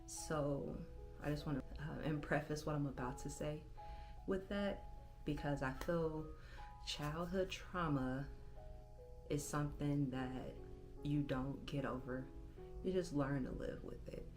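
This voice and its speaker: Low-voiced woman in her thirties. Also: fairly even intonation, music in the background. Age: 30s. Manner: reflective, halting, self-correcting. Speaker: channel host. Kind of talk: personal vlog monologue. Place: bedroom.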